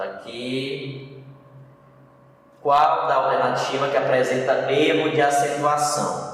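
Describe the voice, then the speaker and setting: A man with a Brazilian Portuguese accent teaching a recorded grammar lesson in a didactic way, often checking in with short tag questions. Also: medium pitch. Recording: echoey room, voice from a distance, faint noise.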